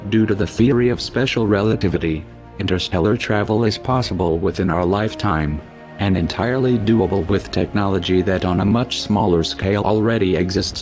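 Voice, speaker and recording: A man with a disguised deep voice, reading a scripted message in a slow, solemn, measured way. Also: a little mellow. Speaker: narrator of an activist video message. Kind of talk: scripted narration.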